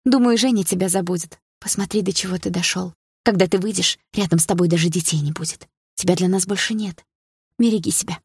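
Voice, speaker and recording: A woman's voice: lowish voice, quick pace, breathy edge, no echo, studio quality. A woman reading a young woman who tearfully confronts her jailed father in an audiobook and later teases her brother. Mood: bitter, tearful. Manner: pleading, bitter, then playful and teasing.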